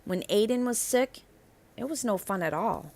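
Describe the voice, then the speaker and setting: With a mid-range voice at normal speed, a woman reads a children's picture book aloud, her narration expressive and emphatic, with key words stretched out.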